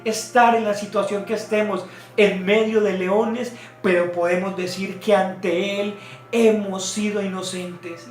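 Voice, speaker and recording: A man preaching a sermon in an earnest way, repeating key phrases for emphasis. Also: high voice. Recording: roomy echo with faint music behind.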